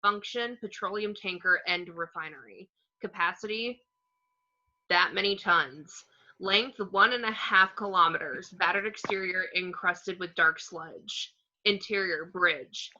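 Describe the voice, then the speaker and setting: A woman narrates the action descriptions of a screenplay at a script table read. Her voice is medium in pitch, a little slow, bright and pushed, and the recording sounds dull and lo-fi.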